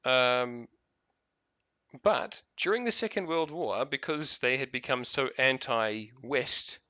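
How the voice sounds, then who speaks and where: A man's voice: medium pitch, animated, takes it slowly, sharp tone, dry recording. A man with a New Zealand accent chatting casually while playing a game, rambling with lots of fillers and restarts. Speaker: gaming video host.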